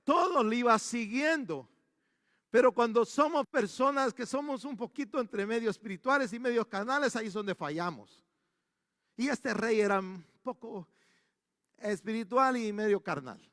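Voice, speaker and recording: A man's voice: very high voice, lively intonation, normal speed, a bit bright, no room sound, clean studio sound, in a large hall. A male pastor preaching a storytelling sermon in a church. He talks animatedly and often restarts his sentences.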